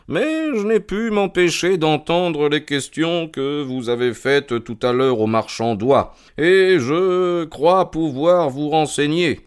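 A man doing a smooth, self-assured detective. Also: fairly high pitch, animated, takes it slowly, few pauses, voice pushed up. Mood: suave. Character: suave, sharp male detective.

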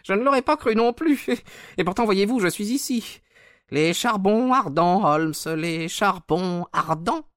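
A man's voice: sits high, lively intonation, a little slow, no echo, clean studio sound, pitched above the performer's own voice. A man voicing a gloating, sneering villain who mocks a dying rival in a radio play. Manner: sneering, mocking, taunting. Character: gloating sinister male poisoner villain.

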